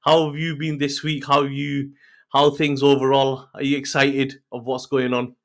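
With a mid-range voice and a completely flat delivery at normal speed, this middle-aged man hosts a laid-back football podcast on a video call. He's at home indoors on a podcast mic, eager and prone to fillers and restarts.

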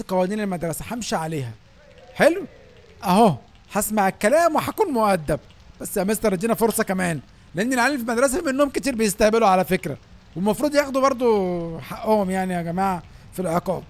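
A young gaming YouTuber with an Egyptian Arabic accent provides comedic commentary over a school game. He's excitable and jokey, letting out sudden panicked yelps and shouts before settling back into low asides.

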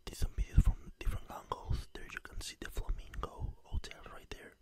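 A man whispering an ASMR travel vlog in a hotel room, talking loosely with frequent "you know" fillers and recorded without his usual microphone. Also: brisk. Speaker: ASMR vlogger.

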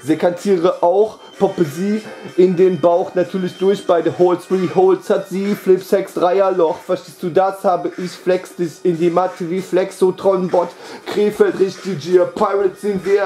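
A man's voice: sits high, steady tone, measured pace, dark tone. A man freestyle rapping over a beat in a rambling, boastful chant, looping the same catchphrases again and again. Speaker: amateur rapper. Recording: echoey room with faint music.

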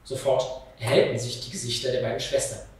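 A man reading a children's story aloud in a steady, plain way. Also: mid-range voice, fairly quick. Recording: very echoey room, mic far off.

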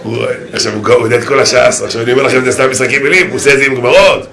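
A man's voice: mid-range voice, crowd noise. A man, a rabbi, giving a humorous sermon full of stories and impressions. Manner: lively storytelling with impressions.

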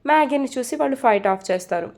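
A sharp-tongued, scheming young woman in a storybook tale, teasing and sarcastic, as a woman voices her. The tone is mellow and a little high. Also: lively intonation, rapid-fire.

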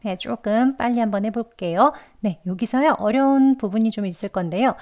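A woman's voice: on the high side, normal speed, muffled recording. A woman teaching English pronunciation in a lesson, patiently modeling words and asking learners to repeat after her.

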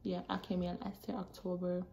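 A teenage girl from Jamaica talks straight into her phone camera, chatty and animated, tossing in quick asides. Her voice sits a little low for a girl. The small bedroom gives it an echoey ring with a faint hiss behind. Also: gravelly, dull audio. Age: teens. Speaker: vlogger. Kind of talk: casual chat to camera. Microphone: phone camera at arm's length. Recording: echoey room, faint background noise.

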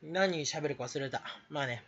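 A man's voice: normal speed, fairly bright tone, breathy edge, lo-fi sound. A man YouTuber rambling in a casual solo rant to camera, self-mocking and jumping between topics. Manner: rambling, self-mocking, bursts into shrill imitated laughs.

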